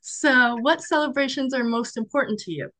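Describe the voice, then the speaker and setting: This young student interviewer has a high, bright, forceful voice and speaks at a moderate pace with no echo around her. She reads a formal intro for her class interview, then chats warmly and laughs a lot.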